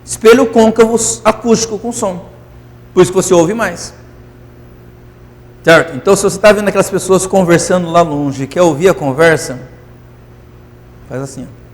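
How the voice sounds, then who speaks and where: A man teaching physics in a classroom lecture, euphoric and animated, constantly checking that students follow. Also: sits high, normal speed, pauses often, in a large hall.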